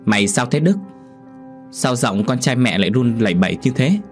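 A man's voice: medium pitch, animated, normal speed, soft background music, pitched above the performer's own voice, natural voice. A man voicing a pushy older mother who scolds and nags her grown son, in an audio horror story. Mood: chiding. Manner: nagging, chiding.

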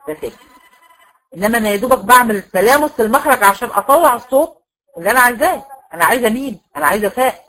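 An Egyptian woman gives a tajweed lesson to her students. She explains each point step by step, keeps checking with short questions, and stretches out example words very slowly so they can follow. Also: mid-range voice, fairly bright tone, poor audio. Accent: Egyptian Arabic. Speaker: Quran recitation teacher. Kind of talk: online tajweed lecture.

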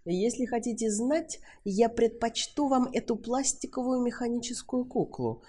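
Woman reading as an awkward prim man, stiff and defensive, warm mellow tone, audiobook. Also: fairly high pitch, expressive, normal speed, slightly rough, pitched above the performer's own voice. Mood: indignant. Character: awkward, prim Englishman, indignant and flustered.

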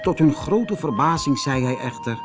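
A man's voice: fairly high pitch, normal speed, over music. A man reading a children's fairy tale aloud, lifting his voice for the characters' speech. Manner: lively storyteller, lifts his voice for characters' speech. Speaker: storybook reader. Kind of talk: children's audiobook narration.

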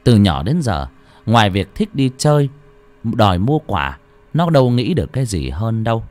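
A man's voice: fairly low pitch, normal speed. Man narrating a dramatic audio story. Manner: dramatic, expressive reading.

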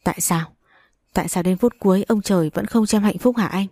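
A woman's voice: medium pitch, a little fast, warm tone, no room sound, studio quality, close to an everyday voice. A woman voicing a heartbroken young bride in a storybook reading, speaking through tears. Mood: despairing. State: crying.

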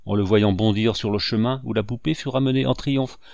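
A man reading a classic children's book aloud in measured, expressive narration. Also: fairly low pitch, creaky, no echo, studio quality. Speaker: audiobook reader.

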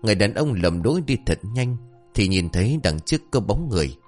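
A male storyteller narrates a folk tale. His voice sits on the low side and rises and falls in a lively way. Soft music plays faintly underneath. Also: fairly quick.

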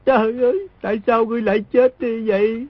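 A man's voice: very high voice, steady tone, fairly quick, husky, no echo. A man voicing a crafty young boy in an audiobook, putting on whiny fake wails. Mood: fake wailing. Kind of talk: audiobook character voice. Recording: dull lo-fi dry recording.

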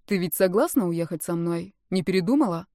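A woman's voice: fairly low pitch, animated, fairly quick, warm tone, no room sound. Curt young man, dry and matter-of-fact, read plainly in a dry audiobook recording by a woman narrator.

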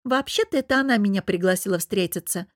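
A woman's voice: mid-range voice, quick pace, no room sound, clean studio sound, natural voice. A woman reading an audiobook who voices a jealous, scheming young woman with a sulky, purring, spiteful manner. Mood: pleading, provoking.

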